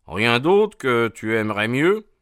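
A man voicing a shrewd gentleman detective in an audiobook, pitched a bit above his narrating voice. He speaks briskly with lively inflection, recorded dry and close. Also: clean tone, no echo. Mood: coaxing. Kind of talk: audiobook character voice.

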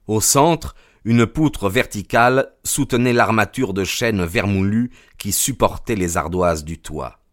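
A man narrating an audiobook in a measured, dramatic storytelling manner. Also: lowish voice, no echo, clean studio sound.

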